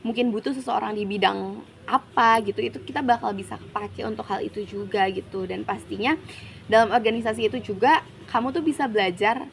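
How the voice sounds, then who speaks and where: A woman's voice: fairly high pitch, a little fast, creaky. A chatty young woman from Jakarta talks casually as an interview guest, slipping English phrases into her sentences. The recording carries a faint background hiss. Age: young adult. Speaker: university student guest.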